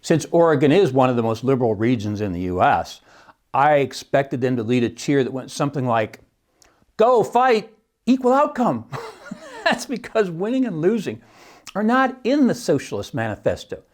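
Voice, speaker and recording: Wry, lively-voiced man scoffing. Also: medium pitch, a little fast. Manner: wry, scoffing, laughs at his own points. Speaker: podcast host and economics teacher. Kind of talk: solo podcast commentary.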